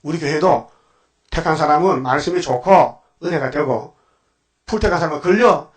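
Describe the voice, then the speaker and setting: A man's voice: on the high side, normal speed. An older man preaching a dawn sermon as pastor, firing off rhetorical questions and sudden emphatic bursts.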